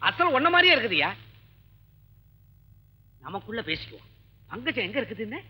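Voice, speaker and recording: A man's voice: very high-pitched, very animated, normal speed, pushed and bright, slightly rough, full character voice. An actor playing a teasing village doctor in a 1980s film, needling his friend with mocking comic banter. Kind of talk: 1980s film comedy acting.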